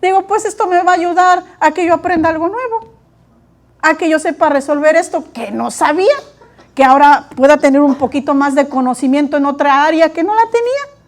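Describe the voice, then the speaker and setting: A woman preaching a sermon, lively, acting out her own inner voice, her eyes watering from allergies. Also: sits high, fairly quick. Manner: animated, acts out her own inner dialogue.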